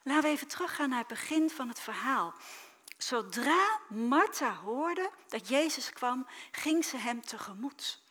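A woman preaching a sermon in a slow, deliberate way. Her voice is bright and a little high. She reads scripture dramatically, rising to loud cries and dropping to near-silent soft words. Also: animated. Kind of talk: sermon with Bible reading.

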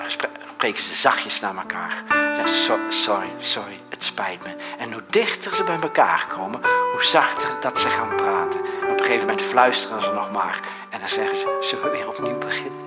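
Middle-aged male pastor preaching over soft background music, shifting between animated stories and quiet hushed passages. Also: mid-range voice. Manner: anecdotal, swings from loud and animated to soft and hushed. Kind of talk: sermon.

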